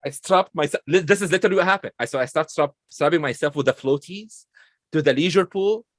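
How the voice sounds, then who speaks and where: A man's voice: fairly high pitch, fast, no echo. A man with a non-native English accent, a chatty, self-deprecating guest telling stories in a casual interview.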